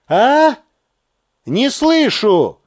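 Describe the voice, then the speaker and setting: A man voicing a gruff, scheming lieutenant colonel who bullies in a slow, mock-friendly drawl, reading an audiobook. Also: very high-pitched, huge pitch swings, no room sound, clean studio sound, voice pushed up, full character voice. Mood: angry.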